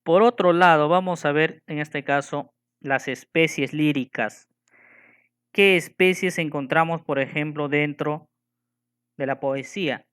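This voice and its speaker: A man's voice: on the high side, unhurried, a bit bright, clean tone. A man teaching a lesson on poetry, patiently repeating rules and counting syllables aloud while checking that students follow.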